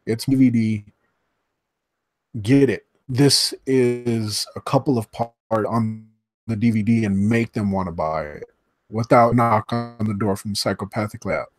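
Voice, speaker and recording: A man chatting casually as a podcast co-host over a choppy online call that drops his words, talking haltingly with many restarts. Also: fairly low pitch, fairly even intonation. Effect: choppy internet connection dropping words. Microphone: USB desk mic over an online call.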